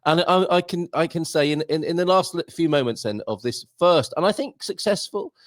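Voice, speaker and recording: A man's voice: a little high, brisk, no room sound. A man from the UK hosting a casual online show, chatting in a jokey, teasing way. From United Kingdom. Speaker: show host.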